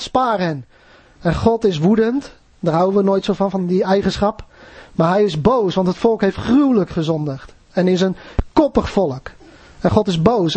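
A man delivers a sermon in a husky, fairly high voice. He speaks earnestly and conversationally and keeps turning questions back to his listeners. The sound is close and dry, with no room around it. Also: mellow, no room sound. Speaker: preacher.

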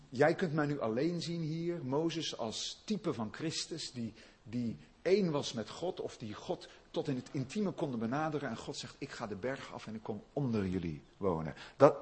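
A male preacher delivers a sermon, his husky voice swinging widely in pitch. He builds to loud, emphatic peaks, then falls back to low, quiet asides.

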